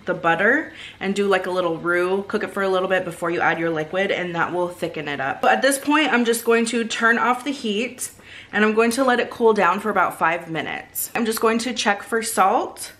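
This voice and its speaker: A woman's voice: medium pitch, a bit bright. A woman in her thirties giving casual cooking instructions to viewers in her home kitchen. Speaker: home cook and vlogger. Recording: clear frying and kitchen noise. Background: sizzling food, stirring.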